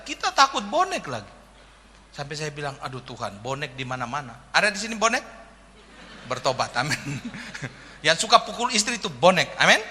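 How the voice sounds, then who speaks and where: Joking male pastor preaching a sermon, kinda high bright voice, big hall reverb. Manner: humorous, jokey preaching with frequent "amin" calls.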